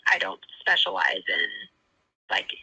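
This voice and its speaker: An office manager of a legal department, heard over the phone, talking in a polite, halting and helpful way to a caller. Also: sharp tone, dry recording. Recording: dull lo-fi phone line.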